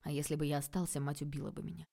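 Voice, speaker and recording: Low, mellow, hushed young man pleading guiltily, read by a woman narrator. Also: level tone, rapid-fire, creaky. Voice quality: quiet, hushed.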